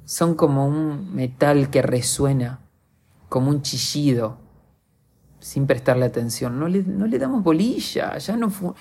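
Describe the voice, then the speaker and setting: Warm husky Argentine man, confessional. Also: mid-range voice. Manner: earnest, confessional, talks straight to listeners. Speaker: podcast host. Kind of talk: reflective podcast monologue.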